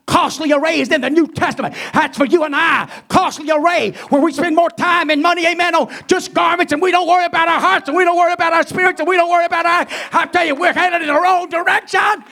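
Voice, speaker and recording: A man preaching a fiery doomsday sermon like a street preacher, urgently shouting warnings punctuated with amens in a strained, husky voice. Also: very high-pitched, fairly even intonation, fast talker, hardly any pauses.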